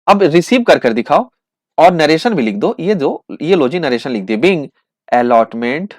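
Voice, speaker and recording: A man teaching accountancy in with terms, asking questions and answering them himself, slowing right down to dictate entries. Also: fairly high pitch, no room sound, clean studio sound. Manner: lively, asks and answers his own questions, slows to dictate entries. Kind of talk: classroom lecture acting out students' replies.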